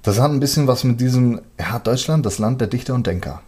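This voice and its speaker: Fast and expressive, his mid-range voice has a darkish tone and a breathy edge. This native German speaker, a rapper and musician, talks casually and colloquially, often faltering while looking for words.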